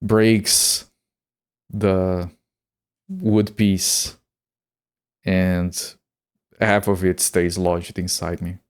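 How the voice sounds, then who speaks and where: A man's voice: deep voice, level tone, very slow, pauses often, clean tone. A man streaming a game and chatting casually, swearing freely and stumbling over the starts of his sentences. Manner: stammers and repeats words when starting sentences. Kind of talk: casual chat while gaming on a live stream.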